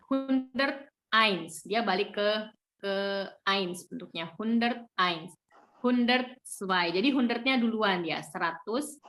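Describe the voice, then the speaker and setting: A woman's voice: mid-range voice, bright, forceful tone. A woman teaching a live online German lesson, patiently correcting pronunciation step by step.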